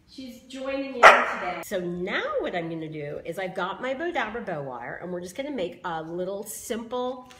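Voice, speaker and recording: A slightly hoarse woman demonstrating bow making in a live craft tutorial, chatting with viewers as she explains each step. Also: mid-range voice, bright, forceful tone, a little hiss or hum. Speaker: craft tool creator demonstrating bows.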